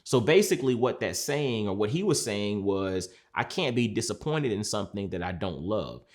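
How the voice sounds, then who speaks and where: A man with a fairly low voice talks through his own story in a sit-down conversation. He is earnest and measured and circles back on key phrases to stress them. He sounds like a coach speaking from experience. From Georgia, USA. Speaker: mindset coach. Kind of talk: reflective sit-down talk.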